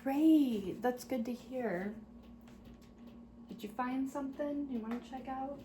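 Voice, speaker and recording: A woman performs a soft-spoken ASMR role-play as a patient, helpful librarian at a checkout desk, speaking gently and politely as though serving patrons, with small murmured asides. Her voice is high-pitched and her pace measured. The recording has a roomy echo and clear background noise.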